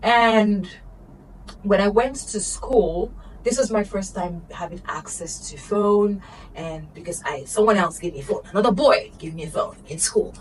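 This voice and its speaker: Animated young woman telling a storytime. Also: mid-range voice, measured pace, distant mic, a little hiss or hum, poor audio. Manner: animated, laughing, swings between whispers and exclamations. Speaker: vlogger. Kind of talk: casual storytime.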